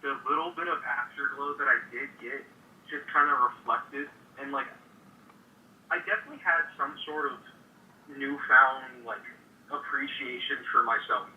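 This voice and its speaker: A male caller talks in a relaxed, rambling way and leans on fillers. The sound is thin and phone-like, with a roomy echo that puts him at a distance. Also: mid-range voice, moderate pace. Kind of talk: casual phone call-in chat. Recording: tinny echoey phone line.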